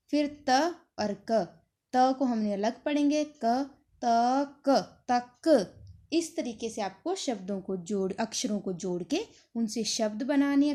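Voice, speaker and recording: Woman teacher spelling out letters super slow, says each word twice, soft mellow voice, a bit high. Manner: patient, spells letters one by one then joins them. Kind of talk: slow phonics lesson, sounding out letters.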